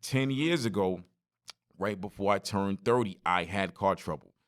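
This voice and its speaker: A man, hosting a solo podcast and telling stories in lively street slang straight to his listeners. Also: sits low, measured pace. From Brooklyn, New York. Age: 40s. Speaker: podcast host.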